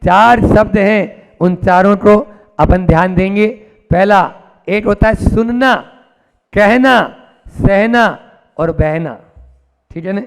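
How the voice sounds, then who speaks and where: A man's voice: high voice, steady tone, a little slow, smooth. A man giving a sermon, telling stories and acting out their characters, repeating key phrases for emphasis. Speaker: Jain monk preacher. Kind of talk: sermon with storytelling.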